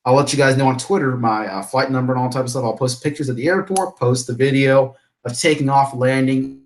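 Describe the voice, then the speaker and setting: A man's voice: medium pitch, poor audio. Chatty young man hosting a live stream. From Bangladesh. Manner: rambling, chatty, laughs often, many restarts. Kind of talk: casual live stream chat. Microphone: computer mic, camera off.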